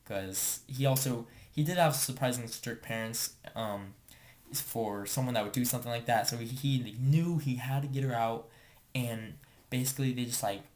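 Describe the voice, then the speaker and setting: A man's voice: medium pitch, moderate pace, a little mellow. A young man casually telling a story to the camera, rambling and filling his talk with "like.". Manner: rambling, filler-heavy with constant "like".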